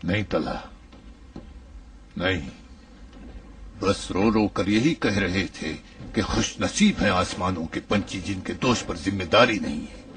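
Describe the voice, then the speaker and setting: A man's voice: deep voice, long pauses, fairly bright tone, husky, far from the mic. A man voicing a solemn, earnest companion in a dubbed historical drama.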